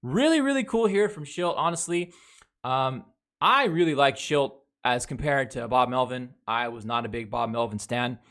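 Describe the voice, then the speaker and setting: A man's voice: mid-range voice, expressive, normal speed, a bit bright. A man runs through a baseball series recap in a loose, casual way. He is blunt and swears freely while breaking down plays from footage. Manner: blunt and heavily profane; talks over game footage, reviewing plays. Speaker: baseball fan commentator. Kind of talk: casual sports recap commentary.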